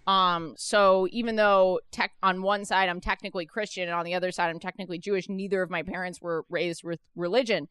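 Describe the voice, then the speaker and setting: A woman hosting a casual comedy chat, animated and quick to burst into laughter. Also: on the low side, clear, resonant tone, no echo, studio quality. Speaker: host.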